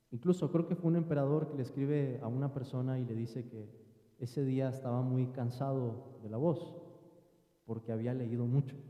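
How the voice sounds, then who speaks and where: A man's voice: mid-range voice, roomy sound, in a large hall, lo-fi sound. A man giving a sermon as pastor, teaching in an earnest tone and addressing his listeners as brothers. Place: church sanctuary.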